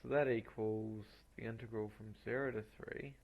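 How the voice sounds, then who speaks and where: A man working through exam problems aloud as a tutor, halting and muttering through each step in an informal way. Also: fairly low pitch, steady tone, muffled recording. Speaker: maths tutor. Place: voice-over on a screen recording.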